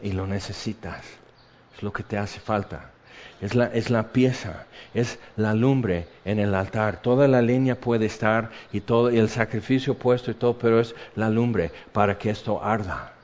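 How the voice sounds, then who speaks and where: A man with a Mexican accent preaching a sermon, swinging between loud exclamations and hushed asides. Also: on the low side, normal speed. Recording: dull lo-fi recording.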